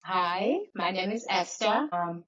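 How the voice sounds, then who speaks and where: Woman from Congo, podcast guest, lowish voice, dull distant sound. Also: takes it slowly, fairly bright tone, a little hiss or hum. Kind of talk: casual podcast chat.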